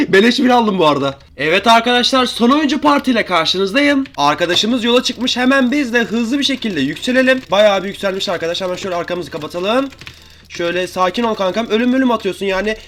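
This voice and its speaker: A young man with a high voice rattles off quick, excitable gameplay commentary, chatting to his viewers and teasing opponents as he plays. Keyboard and mouse clicks tap away under his voice. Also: a little hiss or hum. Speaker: gaming youtuber.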